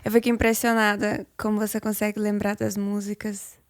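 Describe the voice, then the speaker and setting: A Brazilian woman in her thirties chatting casually as a podcast co-host, her voice hoarse, cracked, grating and failing. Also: medium pitch, completely flat delivery, a little fast, no echo, studio quality. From southern Brazil.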